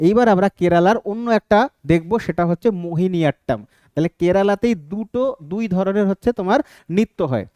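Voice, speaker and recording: A man's voice: high voice, a little mellow, smooth, no echo, clean studio sound. A man teaching an exam-prep lesson, explaining step by step and often checking in with his students. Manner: explains step by step, keeps asking "ঠিক আছে?".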